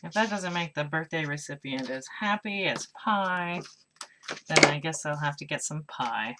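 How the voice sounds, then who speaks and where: A woman's voice: deep voice, expressive, normal speed, heavy background noise. A woman teaching a live craft class, chatting casually and mumbling to herself as she works. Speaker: craft instructor.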